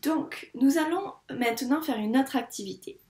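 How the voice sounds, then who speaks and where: Against some background noise, a French woman who teaches first grade sounds out words one syllable at a time for a young child. Her voice sits high, and her patient delivery lingers on every drawn-out syllable.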